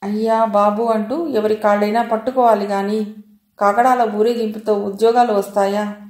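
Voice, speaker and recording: A woman voicing a sharp-tongued, cynical older woman who scolds and lectures in an audio novel. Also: medium pitch, fairly even intonation, moderate pace, roomy sound, lightly acted. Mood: lecturing.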